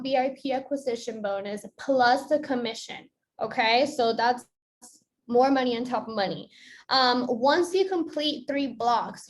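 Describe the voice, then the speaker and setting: A woman's voice: high voice, slight background noise. A young woman from Colombia presenting a business onboarding, explaining step by step and checking in with her listeners. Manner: upbeat, checks in with "okay?".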